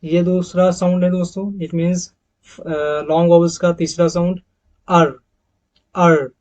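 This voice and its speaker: A man teaching English pronunciation over slides, repeating each example word slowly and calling his viewers friends. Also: high-pitched, completely flat delivery, mellow, poor audio. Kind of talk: slide-based pronunciation lesson.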